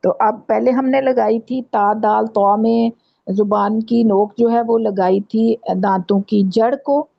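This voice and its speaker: Woman, Pakistani Urdu accent, recitation teacher, patient slow demonstrations, video-call audio. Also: a little high, steady tone, vocal fry. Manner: patient, repeats letters slowly to demonstrate. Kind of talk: online tajweed lesson. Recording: dull lo-fi online class audio.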